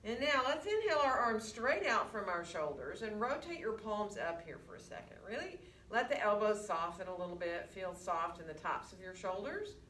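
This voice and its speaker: A woman teaching a gentle yoga class, speaking through a face mask and giving guided breathing and movement instructions. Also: medium pitch, very animated, moderate pace, hardly any pauses. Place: indoor yoga studio. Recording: distant mic, echoey room, faint noise.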